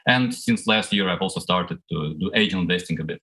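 A man with a fairly low but bright, forceful voice talks as a panel guest. He explains his work in an articulate, structured, conversational manner. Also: brisk. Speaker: regional manager, panel guest.

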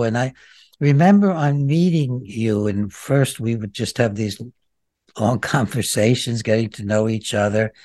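A man hosting an on-air interview, asking rambling, warm questions full of restarts and fillers. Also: mid-range voice, no echo, clean studio sound. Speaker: interviewer, host.

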